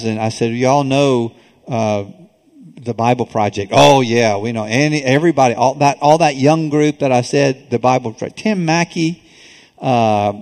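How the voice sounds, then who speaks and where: An older man teaches a church group informally, with a halting, folksy, conversational delivery. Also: medium pitch, darkish tone. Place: auditorium, addressing an audience. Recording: reverberant auditorium, live recording.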